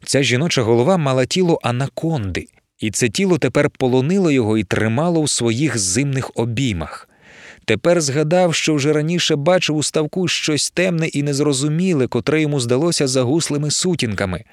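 Expressive man narrating a novel, animated pitch, dry studio read. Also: brisk, no room sound. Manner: expressive storytelling. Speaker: audiobook narrator. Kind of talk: scripted narration.

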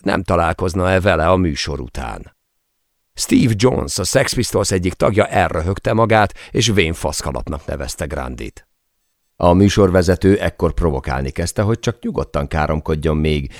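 A man reads a memoir audiobook in a steady storytelling way. His voice is extremely deep and gravelly, and his pitch moves a lot. The recording is dry and close. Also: dry recording. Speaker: audiobook narrator. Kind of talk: scripted memoir narration.

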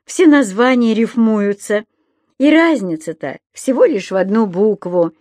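A woman's voice: medium pitch, expressive, unhurried, warm tone, no echo, clean studio sound, lightly acted. A woman voicing a timid, flustered grown man who stammers and hesitates. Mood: eager.

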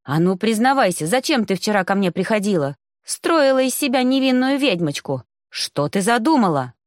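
A woman's voice: mid-range voice, big pitch swings, normal speed, no room sound, clean studio sound, lightly acted. A woman reading an audiobook, voicing an enraged male general-rector who hisses and roars insults. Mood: furious. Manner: hissing, roaring, scolding. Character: furious male general-rector, trapped in a young witch's body.

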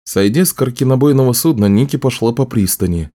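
A man narrating a fantasy audiobook in an even, measured way. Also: medium pitch. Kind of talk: scripted narration.

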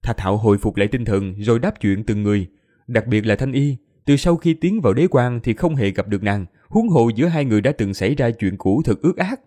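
A man narrating a fantasy audiobook in an expressive storytelling manner. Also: mid-range voice, a little fast. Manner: expressive storytelling, voices all characters.

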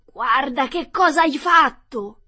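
A woman's voice: high-pitched, slow, a bit bright, pitched above the performer's own voice. A woman reading a storybook aloud, voicing a wicked, cunning old witch who taunts and wails. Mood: panicked. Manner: taunting, then wailing in despair.

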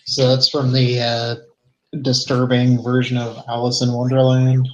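Brief: mid-pitched male co-host, dry sarcastic banter. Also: monotone, muffled recording, soft background music. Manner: wry, sarcastic, halting. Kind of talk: casual chat on a live stream.

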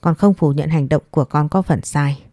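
Woman doing a polite young daughter-in-law, low mellow voice, measured and firm. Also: dry recording, clean studio sound.

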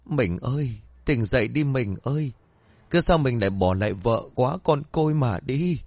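A man's voice: mid-range voice, lively intonation, moderate pace, darkish tone, dry recording, voice pushed up. A man voicing a harsh, foul-mouthed middle-aged village aunt who scolds and barks orders. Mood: wailing.

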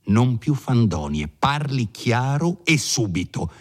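A man's voice: medium pitch, sing-song, takes it slowly, pitched above the performer's own voice. A man voicing a hot-tempered young peasant who presses and threatens with insistent demands. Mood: angry demanding.

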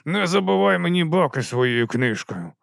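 A man's voice: mid-range voice, moderate pace, dry recording, studio quality, close to an everyday voice. A man voicing a scruffy, shifty older night-watch corporal who mumbles and grumbles. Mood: grumbling.

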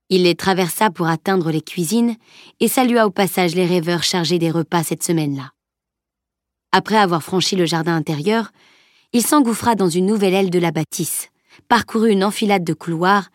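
A woman narrating an audiobook in a steady, even storytelling manner. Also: fairly low pitch, no echo, studio quality. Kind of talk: scripted narration.

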